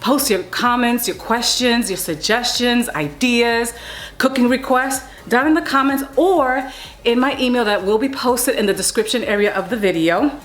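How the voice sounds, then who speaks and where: A woman's voice: on the high side, normal speed. A woman talking casually as she cooks in her home kitchen, playful and chatty, and closing with a blessing. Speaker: cooking vlogger. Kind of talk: casual cooking vlog. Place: home kitchen under hot lights.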